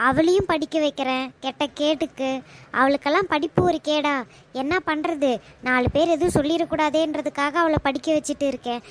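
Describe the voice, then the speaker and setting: A woman's voice: sits high, a little hiss or hum, close to an everyday voice. A woman voicing a bitter widowed mother in a cartoon, scolding and scornful. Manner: scolding, contemptuous.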